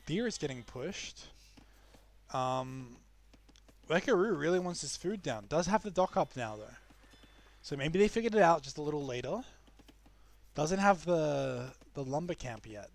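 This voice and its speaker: A man's voice: a little high, lively intonation, a little slow, vocal fry, long pauses. A young man casting a strategy game live, chatty and loose, often restarting his sentences. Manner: chatty, frequent restarts and fillers. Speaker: esports caster.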